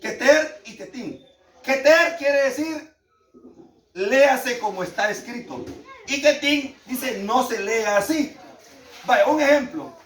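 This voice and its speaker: A man with a Salvadoran Spanish accent teaches a Bible lesson to a class in a very high, animated, fairly bright voice. He speaks slowly with frequent pauses, emphatically repeating key words and questioning the class. He stands far from the mic in an echoey room.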